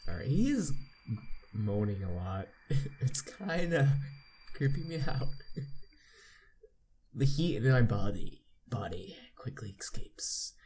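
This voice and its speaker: A man hosts a game playthrough in a mid-range, very animated and slightly mellow voice, reading the text aloud along with asides. He's a halting reader, regularly stumbling and redoing misread words, and there's a little hiss or hum in the audio.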